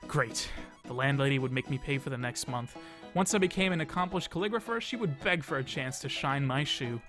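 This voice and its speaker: As a let's play host, a man reads a visual novel aloud expressively, dramatizing the story and tossing in casual asides. His medium-pitched voice is expressive and fairly quick, with game music playing behind him.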